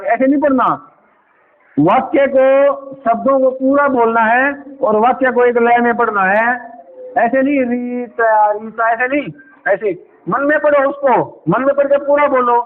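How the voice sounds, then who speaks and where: In a village government school classroom, a male primary teacher with an extremely high-pitched voice gives a Hindi lesson. Patient and coaxing, he repeats words and sounds them out slowly for the children. The recording is tinny and phone-like, with faint noise.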